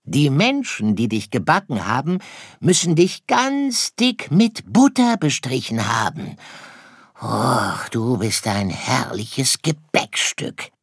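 A man voicing a sly, hungry fox who talks in a coaxing, drawn-out way. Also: mid-range voice, huge pitch swings, vocal fry, breathy edge, dry recording, clean studio sound, pitched above the performer's own voice, heavily acted.

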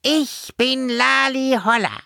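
A man's voice: very high-pitched, takes it slowly, gravelly, pushed and bright, clear, resonant tone, no room sound, studio quality, pitched above the performer's own voice, full character voice. A man voicing a small fairy girl guarding her tree, sweet and then scolding. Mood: stern. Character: cheerful little fairy girl, turning stern.

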